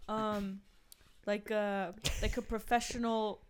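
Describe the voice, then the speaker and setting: A woman's voice: medium pitch, flat delivery, slow pace, a crowd in the background. A woman co-hosting a podcast in casual chat, rambling and searching for words as she talks. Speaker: podcast co-host.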